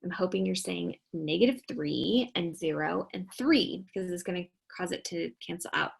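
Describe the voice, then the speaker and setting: Tired math teacher lady, super gravelly and husky, walks you through each step. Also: lowish voice, expressive, moderate pace, rough recording. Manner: talks students through each step, asking and answering her own questions. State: tired, yawning. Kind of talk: recorded classroom lesson.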